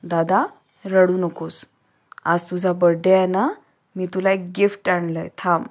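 A woman's voice: on the low side, flat delivery, unhurried. A woman doing a sweet sensible little girl. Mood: comforting.

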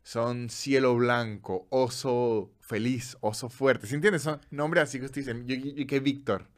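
Un hombre venezolano con acento venezolano, presentador de podcast, contando datos en charla informal y pausada a ratos. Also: male voice, mid-range voice, fairly even intonation. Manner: chatty storyteller, slows down to list facts. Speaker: podcast host. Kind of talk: casual chat.

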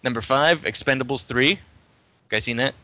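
A man co-hosting a casual podcast, reading out a listener list and joking with deadpan delivery. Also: medium pitch, moderate pace, no room sound. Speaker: podcast co-host. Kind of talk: casual chat. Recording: dry, dull lo-fi audio.

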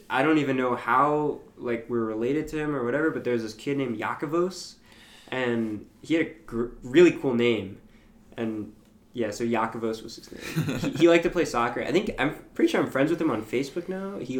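A man's voice: medium pitch, normal speed. Rambling young man in an echoey room. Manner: rambling, hesitant, lots of fillers and laughs. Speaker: podcast co-host. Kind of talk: casual chat.

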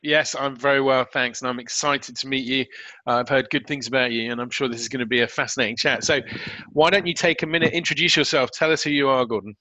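A man's voice: mid-range voice, fairly even intonation, quick pace, pushed and bright, no room sound. A middle-aged man hosting an interview podcast in a conversational, encouraging way. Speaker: podcast host. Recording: dry, slightly dull lo-fi audio.

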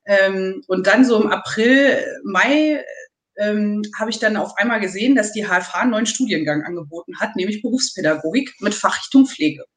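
A woman in her thirties, a nursing student, talking hesitantly and at length in a casual interview over a call. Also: medium pitch. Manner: rambling, hesitant with many pauses. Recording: echoey room.

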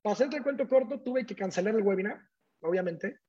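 A man, a guest telling a personal story in an animated way and acting out the dialogue. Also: high voice, quick pace, breathy edge. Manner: animated, acts out quoted dialogue. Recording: dull lo-fi audio.

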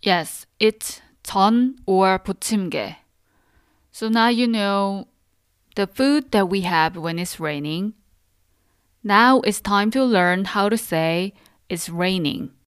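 Slow, clear-voiced woman teaching on a podcast. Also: mid-range voice, no room sound, studio quality. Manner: simple explanations addressed directly to learners. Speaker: host of a Korean lesson podcast. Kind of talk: instructional podcast narration.

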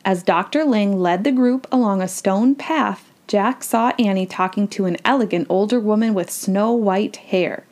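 A woman's voice: mid-range voice, normal speed, hardly any pauses, darkish tone. A woman reading a children's storybook aloud, with chatty, playful asides. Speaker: children's book reader.

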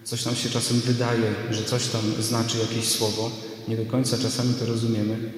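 A Polish man giving a measured, reflective sermon-like talk, recorded in a church with cathedral-like echo. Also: mid-range voice, level tone, slight background noise. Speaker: religious podcast host and preacher. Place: inside a church. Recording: reverberant church echo, farther from the mic.

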